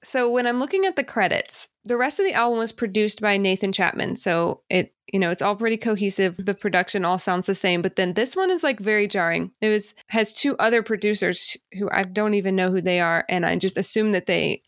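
A woman's voice: medium pitch, fairly quick, few pauses, fairly bright tone, no room sound. Wry woman co-host, dry close sound. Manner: frank, wry, laughs often. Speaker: podcast co-host. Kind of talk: casual chat reviewing songs.

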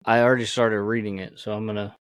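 A man's voice: lowish voice, little pitch movement, fast, slight background noise. A man chatting casually as the host of a podcast.

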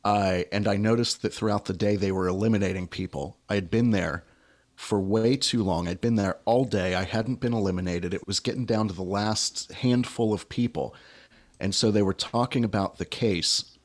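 A man's voice: on the low side, steady tone, normal speed. A man hosting a podcast, easygoing, leading the topics in casual chat. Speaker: podcast host.

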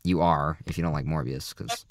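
A young man hosting a casual, goofy podcast chat, talking in a mock-serious, rambling way that often trails off quietly. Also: rumbling low, fairly even intonation, a little fast. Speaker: podcast host.

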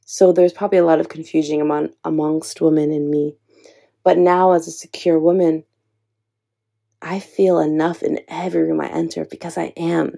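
Talking straight to the viewer at an ordinary pace, this young woman tells her own story with warmth, earnestness, and encouragement. Her slightly low, relaxed voice carries a gravelly roughness and a mellow tone.

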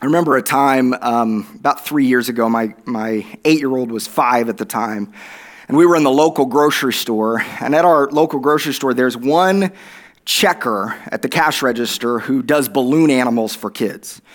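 Here a middle-aged man from Oklahoma, speaking with that state's accent at medium pitch and a moderate pace, preaches in a conversational manner. He repeats phrases for emphasis and checks in with his listeners using "right?" and "okay?".

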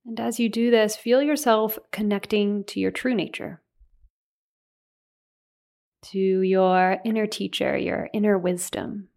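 A woman leading a guided meditation in a soothing, unhurried way, leaving gentle pauses between phrases. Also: mid-range voice, steady tone, gravelly.

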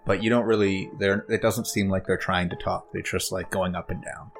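A man narrating a tabletop game as game master, in a halting way full of fillers and restarts. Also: deep voice, steady tone, soft background music.

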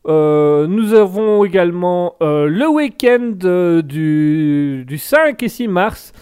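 A man hosting a live show in a loose, joking way, stopping and restarting his sentences often. His voice sits a little high for a man. He rambles as he reads out messages from the chat. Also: animated, takes it slowly, a little mellow, clean tone. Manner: jokey and rambling, with many restarts. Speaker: live stream host. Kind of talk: casual live chat reading viewer messages.

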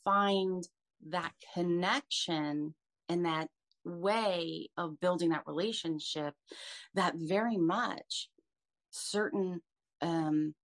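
Earnest woman in her fifties, lowish voice. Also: slow. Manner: earnest, frequent restarts. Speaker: guest. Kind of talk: personal testimony in an interview.

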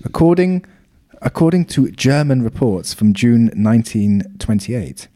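Mellow-voiced man co-hosting a podcast. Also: mid-range voice, very animated, unhurried. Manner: jokey, reads facts from notes. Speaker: podcast co-host. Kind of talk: casual chat.

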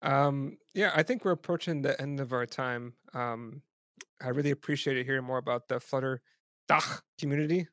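A man's voice: medium pitch, normal speed, a bit bright, dry recording, clean studio sound. A man hosting a casual interview, self-deprecating and stammering on repeated words. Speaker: podcast host.

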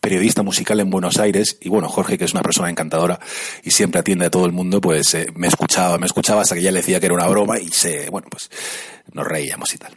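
A man casually telling a funny anecdote about a colleague, warm and anecdotal. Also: sits low, fairly even intonation, quick pace, husky. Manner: warm, anecdotal, laughing at his own prank. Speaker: radio colleague sending a message. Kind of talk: casual storytelling.

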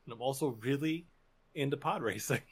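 A man's voice: mid-range voice, brisk, breathy edge. A man playing a tabletop game, talking casually and a little hesitantly. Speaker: tabletop player.

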